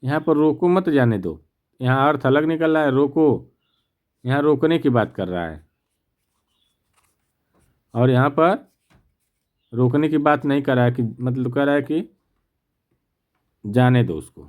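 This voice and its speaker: A man's voice: mid-range voice, animated. A man teaching an exam practice lesson, reading each question and its options aloud, then explaining the answer and checking with the class. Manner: slow, methodical, reads options aloud; repeats "theek na" to check.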